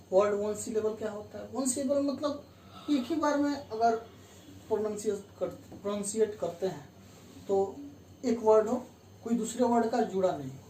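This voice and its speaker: Woman grammar teacher, patient step-by-step explainer, mellow tone, far from the mic in a roomy space. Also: a little high. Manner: explains step by step, repeats key terms and says "theek hai" to check understanding. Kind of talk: classroom lesson explaining grammar rules. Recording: distant roomy mic with faint room hum.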